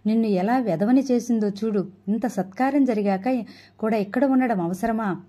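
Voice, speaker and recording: A woman's voice: a little high, normal speed, dark tone, natural voice. A woman reading the lines of a scornful man who scolds with sarcasm. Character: scornful man, mocking uncle.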